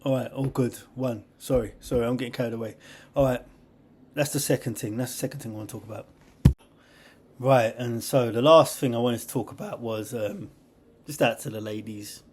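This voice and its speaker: A man's voice: mid-range voice, brisk, slight background noise. Rambling young guy. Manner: rambling, excitable, slangy, laughs often. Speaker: podcast host. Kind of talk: casual monologue.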